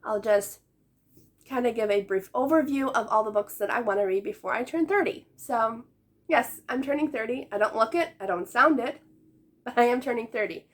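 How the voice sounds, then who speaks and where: Upbeat, hoarse young woman vlogger. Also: a little high, normal speed. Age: late 20s. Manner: chatty, upbeat, laughs often. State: sick, voice going. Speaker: book vlogger. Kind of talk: casual chat to camera.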